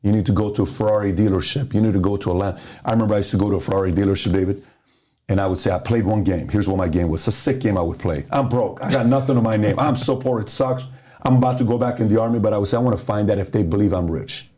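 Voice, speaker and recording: A fairly low-pitched man's voice with slight background noise. He's a middle-aged podcast guest from Iran telling motivational stories and animatedly performing the dialogue.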